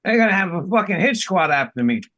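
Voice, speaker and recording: A man's voice: high-pitched, big pitch swings, quick pace, fairly bright tone, no echo. A middle-aged man from the Bronx, a podcast host swearing and laughing through casual stories. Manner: profane, laughing storyteller. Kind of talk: casual chat.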